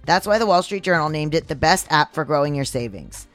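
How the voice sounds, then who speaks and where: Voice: expressive, brisk, fairly bright tone. Androgynous podcast host reading ads over music. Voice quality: androgynous, testosterone-deepened voice with some strain. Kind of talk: scripted ad reads with personal asides.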